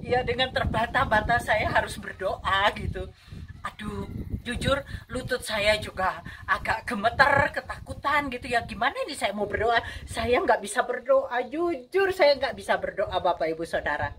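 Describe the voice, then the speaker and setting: A woman's voice: a little high, lively intonation, moderate pace, fairly bright tone, slight background noise. Woman minister giving an emotional testimony. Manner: emotional storytelling, addressing the congregation directly. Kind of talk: testimony sermon. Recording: voice from a distance with clear background ambience.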